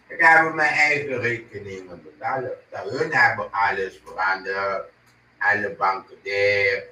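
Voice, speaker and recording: Standing in a roomy space well away from the microphone, with faint noise in the background, a man angrily rants to camera and keeps repeating himself. He has a lowish, bright voice and a forceful tone.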